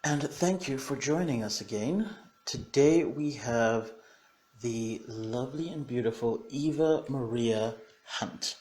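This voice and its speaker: A man hosts an online interview over a video call, his medium-pitched, darkish voice moving slowly. He's chatty and effusive, full of fillers and restarts. The video-call audio is dull and echoey.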